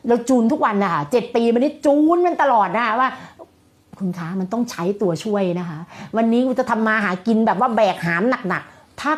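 A woman's voice: fairly high pitch, animated, fairly quick. A woman giving a motivational talk as a coach, emphatic and blunt with coarse slang.

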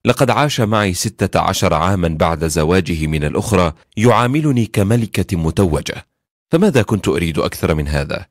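Brief: a calm, pious, wise wife in a told story, read by a man, quiet, low and measured. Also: no echo, studio quality.

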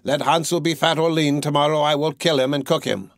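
A man's voice: on the high side, fairly even intonation, fairly quick, dry recording, clean studio sound, pitched above the performer's own voice, lightly acted. A man voicing a cruel, mocking old female witch in a storybook reading, raising his voice for her. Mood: commanding. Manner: mocking, gloating storybook villain voice.

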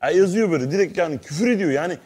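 A man's voice: sits high, lively intonation, racing, a little mellow, slightly rough. A man chatting on a talk show, animatedly telling stories and acting out the messages he gets. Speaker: comedian guest. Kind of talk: casual talk-show chat.

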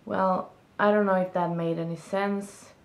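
With a mid-range, gravelly voice and fairly even intonation, a young Swedish-accented woman talks at a measured pace in English, her second language. She's a vlogger sitting on a bed in a small room, reflecting casually to camera, gesturing and reaching for words, with the room echoing around her.

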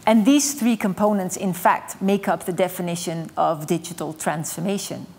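A woman's voice: lowish voice, normal speed, vocal fry. A middle-aged woman delivering a conference keynote on a studio stage, explaining with energy and the odd "um". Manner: energetic, gesturing, explanatory with light fillers. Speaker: keynote speaker. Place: stage in a dark studio with large screens.

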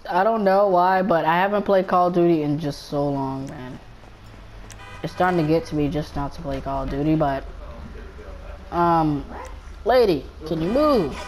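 A woman giving casual gameplay commentary, excitable and rambling, often stumbling and repeating her words. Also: sits low, a little hiss or hum, poor audio.

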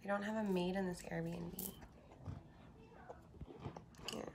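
Casting: young female livestreamer, slow and halting, casual chat, heavy vocal fry, faintly noisy phone audio. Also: fairly low pitch, fairly even intonation. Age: young adult. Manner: halting, reading and answering viewer comments. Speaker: livestream host and model. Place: small bedroom, indoors. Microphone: phone at arm's length.

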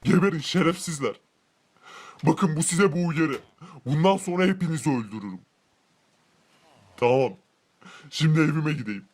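A man's voice: on the high side, animated, moderate pace, long pauses. A man playing a smug, gloating rich man. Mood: furious threatening. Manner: smug, gloating, shouts threats. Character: arrogant rich man, boastful and cruel. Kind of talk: Minecraft role-play commentary.

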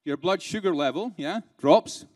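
A man's voice: sits high, animated, moderate pace. A man giving a keynote talk to a live conference audience, peppering them with rhetorical questions and playful asides. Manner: laughs between points, playful. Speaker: keynote speaker.

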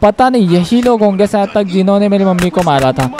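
A young man giving casual, joking gameplay commentary, excitable and trash-talking the characters on screen. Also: high-pitched, fast talker.

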